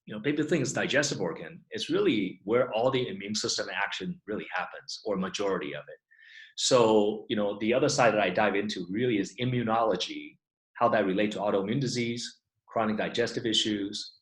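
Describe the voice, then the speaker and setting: A man's voice: on the low side, brisk, fairly bright tone, echoey room, low-quality recording. A middle-aged man from Taiwan, a chiropractor, explaining his work in a casual online Q&A and filling his talk with "you know". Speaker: guest chiropractor. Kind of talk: online Q&A interview.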